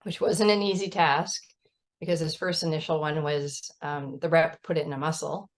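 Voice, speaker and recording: A woman's voice: sits low, fairly even intonation, moderate pace. A mother of a child with type 1 diabetes, talking earnestly and emphatically in a casual chat over a video call, often adding "right?". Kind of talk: casual conversational storytelling.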